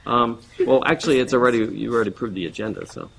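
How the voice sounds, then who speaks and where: A man's voice: medium pitch, fast, gravelly, a bit bright, slight background noise, poor audio. A man chairing a board meeting, running through agenda items in a procedural way with frequent ums.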